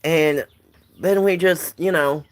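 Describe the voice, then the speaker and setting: A man's voice: fairly high pitch, slow. A young man casually telling a family story on a livestream, rambling and repeating himself while chatting to viewers. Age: young adult.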